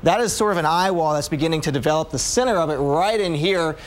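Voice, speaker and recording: Male weather presenter, fairly high voice, explains a live forecast conversationally. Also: fast talker.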